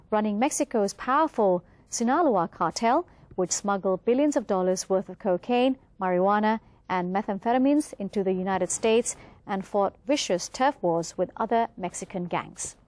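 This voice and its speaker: A woman's voice: mid-range voice, moderate pace, a little mellow, no room sound. A woman with a Thai accent presenting a news bulletin, reading from a script.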